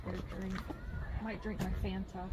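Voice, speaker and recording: A woman's voice: mid-range voice, level tone, moderate pace. A woman making brief, offhand remarks off to the side of a travel vlog. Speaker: travel companion. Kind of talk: casual asides. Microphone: far from the camera. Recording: distant voice, loud outdoor noise.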